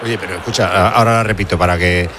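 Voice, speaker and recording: A man's voice: low-pitched, steady tone, noisy background. A man from Madrid presenting a sports radio show, keeping the panel on track and moving through segments. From Madrid, Spain. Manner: brisk, steering the conversation.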